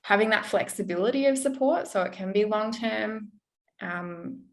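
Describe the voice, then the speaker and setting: Gentle woman hosting a webinar. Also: mid-range voice, moderate pace. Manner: gentle, encouraging, many soft backchannels. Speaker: webinar host. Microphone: video call.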